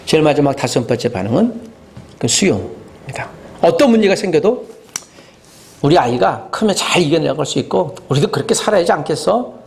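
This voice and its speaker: Animated Korean pastor preaching. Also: male voice, fairly high pitch, brisk, vocal fry. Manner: animated, acts out inner voices with rhetorical questions. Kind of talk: sermon.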